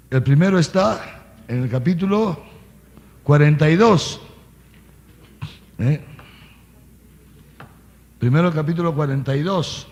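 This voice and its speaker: Animated preacher in a reverberant hall. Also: male voice, fairly high pitch. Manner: animated, peppers talk with "¿eh?" and questions to listeners; reads scripture aloud, then explains it in everyday words. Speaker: archbishop giving catechesis. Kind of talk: catechesis sermon to a live audience. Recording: long reverb of a large hall.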